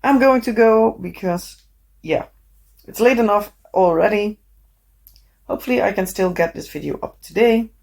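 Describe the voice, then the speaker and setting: Woman, hoarse from illness, gravelly fry, rambling casual craft-vlog chat, filler-heavy. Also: mid-range voice, moderate pace, pauses often, a little mellow. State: hoarse from being sick. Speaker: crafting vlogger.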